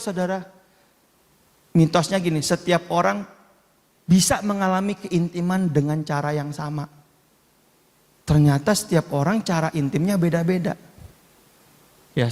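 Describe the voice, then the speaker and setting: A middle-aged man preaching a sermon, lively and chatty, often turning to the congregation. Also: a little high. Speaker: pastor. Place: church hall. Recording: long reverb of a large hall.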